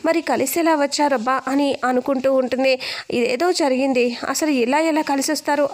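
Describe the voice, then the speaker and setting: A woman's voice: sits high, a little mellow. A woman casually retelling a TV serial episode, quoting each character's lines in her own voice. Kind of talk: casual spoken plot retelling.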